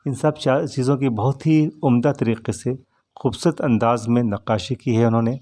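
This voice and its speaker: A male teacher explaining a children's poem. He recites each verse line, then slowly paraphrases it. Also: medium pitch, steady tone, mellow.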